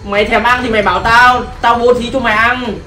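A man plays a hot-headed young guy who snaps out fast, scornful threats. His voice is mid-pitched and sounds distant, with room echo and clear music behind. The whole thing plays as a staged sketch confrontation. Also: steady tone. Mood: angry threatening. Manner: threatening, contemptuous, rapid.

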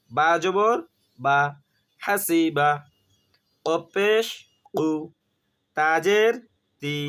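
A man teaching a reading lesson, spelling each syllable aloud and repeating it in a slow drill. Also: fairly high pitch, a bit bright, clear, resonant tone.

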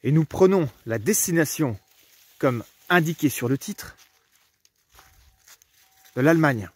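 A young French travel vlogger with a slightly high, husky voice speaks slowly, with lively intonation, in a dry recording. Narrating his casual vlog to a camera at arm's length, he rambles chattily with lots of fillers, both outdoors in a foggy forest and parking lot and inside a camper van.

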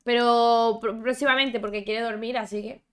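A woman's voice: a little high, steady tone, normal speed, clear, resonant tone. A young woman giving chatty, exclamatory commentary as she plays a life-sim game, talking to her characters and her viewers. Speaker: gaming YouTuber. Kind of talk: casual gameplay commentary.

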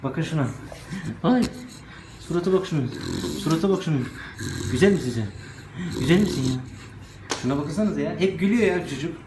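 Excitable man cooing at puppies, echoey. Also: a little high, brisk, pauses often. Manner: cooing baby talk to puppies. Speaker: vlogger showing dogs. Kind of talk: casual excited vlog talk. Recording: echoey room with background noise.

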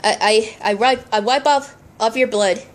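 A woman playing a gentle young woman with a high, light voice who stumbles over her words as she soothes someone. It has the easy feel of a homemade play. Her tone stays soft and reassuring. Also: a little slow, natural voice. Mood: soothing. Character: caring young woman comforting a friend.

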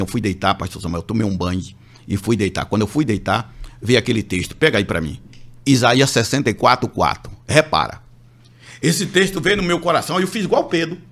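A man from Brazil, a pastor, telling a testimony on a radio show and acting out the voices of the people in his story. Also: sits high. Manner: animated, acts out voices of others in the story.

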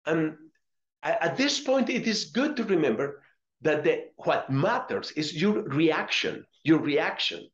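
A middle-aged Colombian friar with a Spanish accent teaches a religious lesson, reading aloud and explaining deliberately while repeating phrases for emphasis. His voice is a little high and expressive, and the recording, made in a small curtained indoor room, has its highs cut off.

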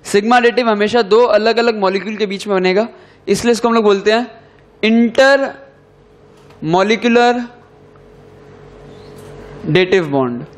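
A young male chemistry teacher with a high-pitched voice gives a classroom lecture. He dictates definitions slowly and repeats them so students can write them down. His pitch sinks at the end of each key term. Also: fairly even intonation.

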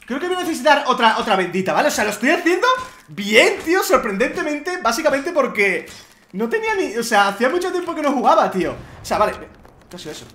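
Man, Spanish accent, let's play commentary, excitable, high voice, animated delivery. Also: fast talker, echoey room, a little hiss or hum. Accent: Spain. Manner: excitable, shouts and swears at the game. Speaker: gamer.

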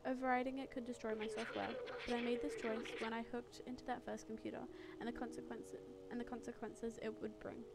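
A woman voicing a small, loyal robot drone companion, reading its game lines in a quick, soft, earnest way. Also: a little high, flat delivery, gravelly. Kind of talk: reading game dialogue aloud.

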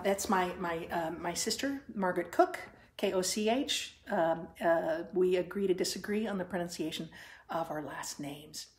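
Chatty woman hosting a living-room stream. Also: lowish voice. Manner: loose, chatty, many ums and uhs, wry asides. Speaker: singer-comedian hosting her own live stream. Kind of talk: casual chat between songs. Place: her living room at home. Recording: roomy living room with guitar. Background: guitar.

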